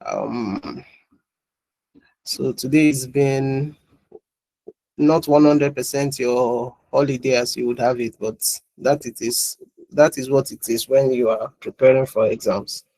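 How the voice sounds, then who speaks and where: A man's voice: mid-range voice, steady tone, slow pace, mellow, dry recording, low-quality recording. Man tutoring over a video call. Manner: chatty, loose, with frequent restarts and repeated words. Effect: heard over a video call. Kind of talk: online class, casual chat before teaching.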